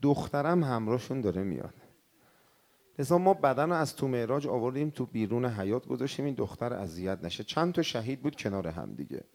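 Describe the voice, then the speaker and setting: A male cleric telling a mournful story in a sermon, swinging from hushed words to crying out. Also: mid-range voice, animated. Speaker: cleric preacher.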